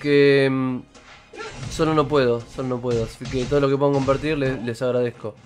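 A man's voice: mid-range voice, fairly even intonation, brisk, soft background music. Chatty Argentine man streaming a game. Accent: Argentine Spanish. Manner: chatty, greets viewers while playing. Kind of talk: casual live stream chat. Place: indoor room with purple lighting.

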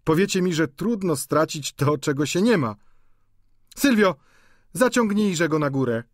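Audiobook figure: shrill, gossipy older landlady, voiced by a man, high and exclaiming. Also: lively intonation, measured pace, no room sound, clean studio sound. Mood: scolding.

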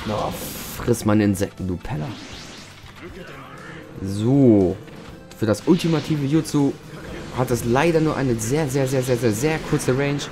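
A young man hosting a let's play, chatting casually and swearing at the game in loud outbursts. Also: mid-range voice, measured pace, pauses often. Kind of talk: casual gameplay commentary. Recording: game music behind the voice.

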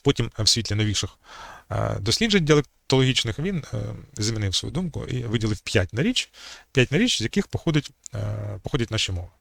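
A man's voice: mid-range voice, big pitch swings, fast, creaky, a bit bright, no room sound. A man giving an unscripted talk on language history as channel host, hesitating often with fillers and restarts.

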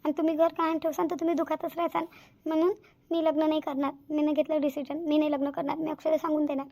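Tearful young village bride. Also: female voice, high-pitched, little pitch movement, quick pace, mellow. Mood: resolute. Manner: tearful, repeats herself insistently. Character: young village bride-to-be, anxious and self-sacrificing. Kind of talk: cartoon voice acting.

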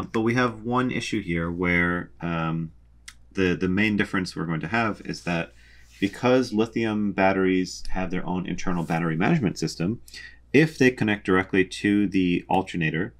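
A young man calmly explains a boat's electrical wiring while drawing a diagram, methodical, with frequent ums. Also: sits low. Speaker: sailing vlogger explaining a boat electrical system.

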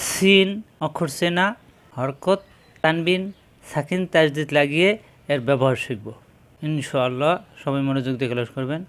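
A man teaching Quran letter pronunciation in a slow, deliberate lesson, drilling each syllable and repeating it. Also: a little high. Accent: Bangladeshi Bengali.

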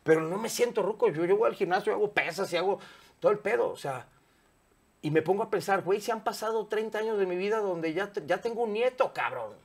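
A man's voice: high-pitched, fast talker. Candid Mexican man in his fifties. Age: 50s. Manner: candid, animated, swears freely, gestures a lot. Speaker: guest. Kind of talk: casual interview chat. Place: studio set with sofa. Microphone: lapel mic.

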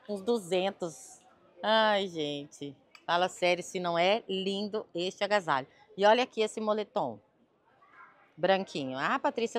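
Brazilian woman, travel vlogger, chatty and gushing, casual walk-and-talk delivery. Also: mid-range voice. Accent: Brazilian Portuguese. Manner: chatty, gushing, talks to viewers. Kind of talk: casual shopping vlog.

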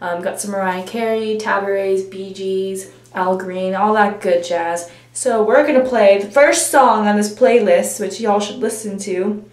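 A woman's voice: medium pitch, a little slow, a little mellow. A young woman vlogging to her camera, chatty and rambling with lots of fillers. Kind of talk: casual vlog chat. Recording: roomy echo.

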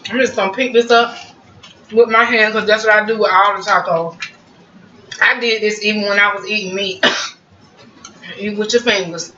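A woman's voice: medium pitch, steady tone, normal speed, long pauses, pushed and bright, slight background noise. A woman, chatting to her viewers while eating at home, humming over each bite. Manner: chatty, talks to viewers as y'all, savoring bites with hums. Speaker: cooking vlogger. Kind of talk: casual cooking vlog chat. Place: home kitchen. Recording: roomy, distant, muffled home recording.

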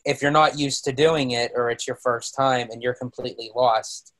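A man talks casually on a podcast panel. His voice is mid-pitched, and he speaks in a halting, hesitant way. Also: steady tone, fairly bright tone, low-quality recording. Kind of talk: casual chat.

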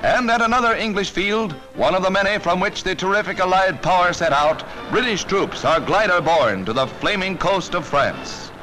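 A man's voice: sits high, lively intonation, normal speed, few pauses, low-quality recording. A man narrating a 1940s newsreel in a rousing, emphatic announcer style, with the sound of an old newsreel. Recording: narration over loud orchestral music.

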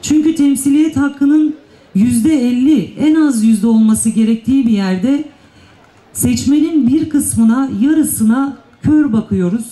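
Echoey, high-voiced woman giving a political speech. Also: takes it slowly, warm tone. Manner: formal, emphatic, repeats phrases for effect. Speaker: district mayor, panel speaker. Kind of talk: public political speech at a panel. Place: panel table on an outdoor stage at night. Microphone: handheld microphone. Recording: echoey outdoor public-address sound.

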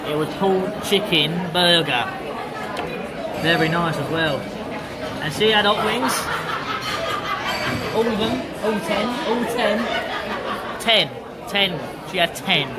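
A young English vlogger chats casually and jokily to his camera, often repeating phrases, while on the go in a car, a large busy pub and a theatre. His voice is high, his pace measured, and he pauses often. He holds his phone at arm's length over loud music and a bustling crowd.

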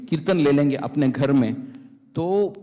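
A middle-aged man, a panel guest, giving a spiritual talk on a TV stage, halting often and mixing in English words, speaking into a handheld mic. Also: on the high side, lively intonation, mellow. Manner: halting, many restarts, mixes English words. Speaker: panel guest, temple vice-president. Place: large stage hall with audience. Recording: long hall reverb.

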